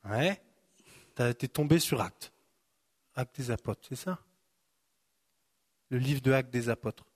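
A man preaching a lively sermon as a pastor, who gets fired up and shouts out the voices of temptation, then turns quiet and gentle to lead prayer. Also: medium pitch, slow, pauses often, breathy edge, no echo, studio quality. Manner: animated, shouts acted-out inner voices, then calms to soft prayer talk.

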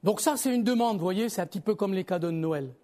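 A fast-talking man preaches in a lively, conversational manner. His delivery jumps between loud calls to those listening and quiet, low asides.

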